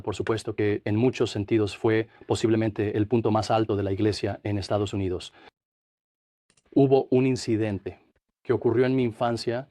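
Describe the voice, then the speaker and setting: An older man from New Jersey, a priest and interview guest, recounting his life in a measured, reflective way. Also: lowish voice, dark tone, no room sound. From Trenton, New Jersey, USA. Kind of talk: studio interview, dubbed.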